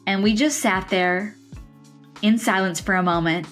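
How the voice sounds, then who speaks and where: A young adult woman co-hosting a podcast, telling a story casually with energy and quick animated delivery. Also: medium pitch, soft background music. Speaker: podcast co-host.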